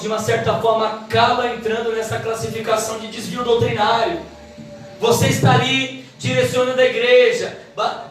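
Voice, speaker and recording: A woman gives a church Bible lesson with quick, emphatic, preacherly delivery. Her voice comes from some way off the mic, and a big, ringing room echo surrounds every word, with faint background hiss underneath. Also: a little high. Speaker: Bible teacher. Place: church hall. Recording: echoey hall, mic from far off.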